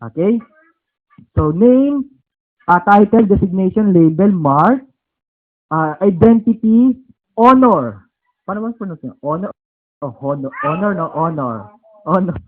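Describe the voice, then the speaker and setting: A man with a Filipino accent teaching the Bible at a home service, checking in with "okay?" and repeating words slowly. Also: sits high, expressive. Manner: keeps asking "okay?" and "di ba?". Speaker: preacher. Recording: tinny phone-like lo-fi recording.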